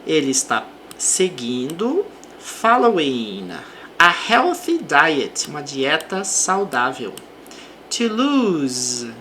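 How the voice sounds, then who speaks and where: A woman with a Brazilian accent teaching English, reading example sentences slowly and explaining them. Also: deep voice, fairly bright tone, a little hiss or hum. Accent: Brazilian Portuguese. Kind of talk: slow explanatory language lesson.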